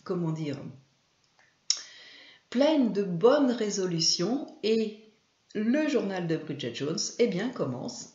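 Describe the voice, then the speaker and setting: Slow, hesitant woman in an echoey room. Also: medium pitch, big pitch swings, dark tone. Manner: hesitant, with frequent fillers and pauses. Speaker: video host and trainer. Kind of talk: casual film commentary to camera. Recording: echoey room, slightly dull sound.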